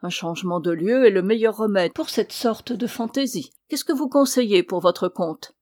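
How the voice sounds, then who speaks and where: A woman reading aloud voices a cool, controlling elderly mother in an audiobook. She speaks in a calm, measured, quietly persuasive way, at a middle pitch. The recording is close and dry. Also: no echo, close to an everyday voice. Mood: coolly persuasive.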